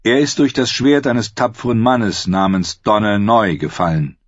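A man voicing a young, earnest sworn brother who answers calmly and briefly, in a muffled lo-fi recording. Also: lowish voice, normal speed, no echo, voice pushed up, natural voice. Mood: terse steady. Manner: calm, terse, earnest.

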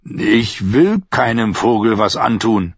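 A man voicing a huge, slow-witted, childlike man who speaks simply and turns touchy. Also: lowish voice, expressive, vocal fry, breathy edge, no echo, exaggerated voice. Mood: sullen. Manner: slow, simple, pleading then threatening. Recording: dull, muffled audio.

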